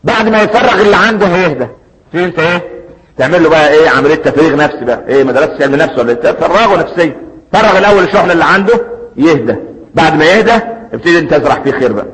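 A man with an Egyptian accent giving a lively sermon, acting out anecdotes and asking and answering his own questions. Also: a little high, racing, big-room sound, rough recording. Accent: Egyptian Arabic. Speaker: preacher.

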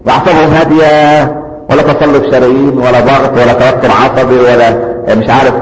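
A man's voice: medium pitch, little pitch movement, fast talker. A man preaching a sermon with an Egyptian accent, often asking rhetorical questions and answering them himself. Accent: Egyptian Arabic. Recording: echoey hall with long reverb, faint noise.

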